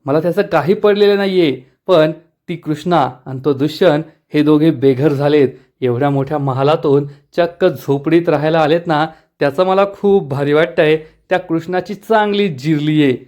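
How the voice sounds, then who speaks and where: A man's voice: on the high side, moderate pace, hardly any pauses, darkish tone, natural voice. A man voicing a gleeful, petty young woman who gloats.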